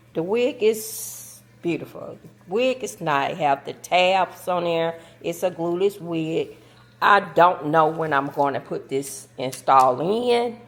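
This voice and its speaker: A woman in her fifties, a grandmother, chatting casually with her viewers in a folksy, talkative way. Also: lowish voice. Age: 50s. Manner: chatty, folksy, talks while eating cake. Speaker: vlogger. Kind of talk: casual chat.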